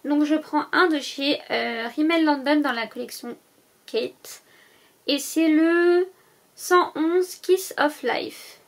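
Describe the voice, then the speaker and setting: Woman, high voice, casual vlog chat, lists things one at a time, hesitant fillers. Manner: chatty, lists items one by one with many "euh" fillers. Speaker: vlogger. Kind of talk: casual packing-list vlog.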